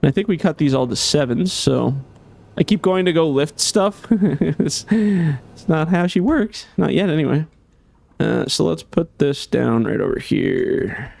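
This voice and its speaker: A man giving casual gameplay commentary as a game modder, chatty and thinking aloud with many fillers, slightly hoarse. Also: fairly high pitch, animated, a little slow, a little mellow, no room sound.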